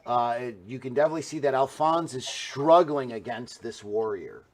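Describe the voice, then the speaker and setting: A man's voice: medium pitch, normal speed. A man narrating as dungeon master in a tabletop game, easygoing and full of fillers. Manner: relaxed, filler-heavy narration.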